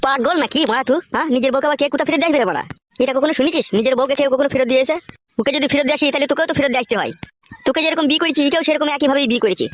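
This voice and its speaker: A woman's voice: sits high, racing, close to an everyday voice. A woman voicing a brash, crude young husband who answers back with defiant curses in a comedy cartoon. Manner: defiant, cursing retorts.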